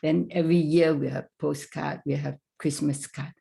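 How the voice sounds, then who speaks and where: An older woman from Vietnam, a guest on a family podcast, recalling her life in casual talk with halting, simple phrasing and many restarts. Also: low voice, steady tone, vocal fry, mellow.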